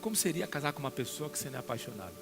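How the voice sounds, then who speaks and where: A Brazilian pastor with a Brazilian Portuguese accent preaching a sermon to a congregation, questioning listeners by name and building to loud emphatic peaks. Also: male voice, mid-range voice, sing-song, rapid-fire, over music. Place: church hall.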